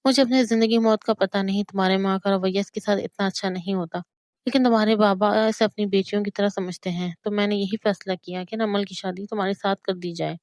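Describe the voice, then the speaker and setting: A woman's voice: mid-range voice, steady tone, fairly quick, darkish tone, dry recording, studio quality, close to an everyday voice. A woman voicing a stern elderly male family patriarch in an audio novel, firm and coaxing.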